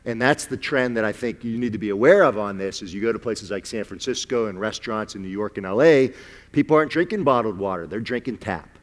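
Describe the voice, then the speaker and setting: A man's voice: lowish voice, quick pace. Candid male judge in a reverberant hall. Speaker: competition judge. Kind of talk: off-the-cuff panel critique.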